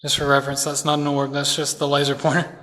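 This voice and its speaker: A man's voice: fairly high pitch, completely flat delivery, fast, a bit bright. A man investigating an old house on a ghost hunt, giving casual running commentary to his crew. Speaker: paranormal investigator. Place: inside a hot old house. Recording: reverberant interior with music.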